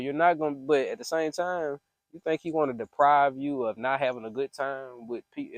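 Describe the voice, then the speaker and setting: A man's voice: on the high side, no room sound. A man speaks earnestly on a phone voice memo. He sounds preachy and confiding, and the recording is close and dry with no room sound. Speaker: speaker venting about faith. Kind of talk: casual spoken reflection.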